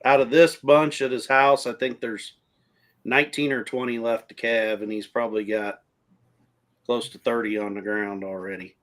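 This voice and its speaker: A man's voice: mid-range voice, steady tone, moderate pace, a bit bright. A man with a Texan accent, a rancher guest in a casual stream chat, explaining at length in country grammar.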